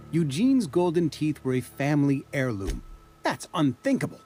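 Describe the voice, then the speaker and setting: An actor playing a prim, self-important company official in a video game. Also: male voice, on the high side, mellow. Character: fussy, officious male company administrator. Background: faint game music.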